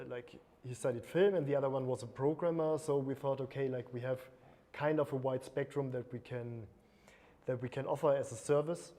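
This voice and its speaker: A man's voice: mid-range voice, dark tone. A man who is a creative director and agency co-owner, speaking on a panel in a casual way, full of fillers like "like" and "uh". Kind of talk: panel talk. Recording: long hall reverb.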